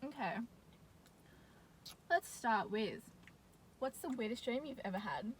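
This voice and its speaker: A woman's voice: a little high, expressive, unhurried. Young woman, playful casual chat, faint background hum. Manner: playful, slangy. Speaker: co-host.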